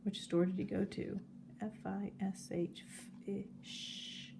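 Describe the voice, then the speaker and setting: A woman reading a children's picture book aloud, telling the story slowly and clearly. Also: medium pitch, flat delivery, noisy background. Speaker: storybook reader.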